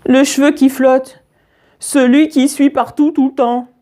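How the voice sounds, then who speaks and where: A woman reading a children's story aloud and voicing a whiny, disgusted little boy in a plaintive, drawn-out way. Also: high-pitched, little pitch movement, dark tone, voice pushed up.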